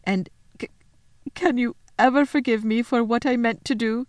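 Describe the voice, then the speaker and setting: Woman voicing a tearful, high-pitched timid faun. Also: expressive, unhurried, dry recording, lightly acted. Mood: anxious, apologetic. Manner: fretful, pleading, dramatic. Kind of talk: children's storybook read aloud.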